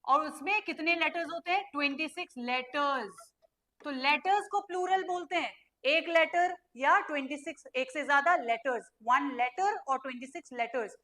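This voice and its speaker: A young woman teaching an online grammar lesson. She asks her students questions and answers them herself, and she spells letters out slowly. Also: high voice, sharp tone.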